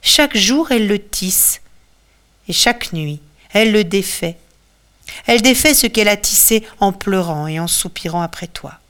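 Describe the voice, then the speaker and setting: A woman voicing the ghost of a loving older mother who speaks slowly and tenderly. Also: mid-range voice, lively intonation, a bit bright, natural voice.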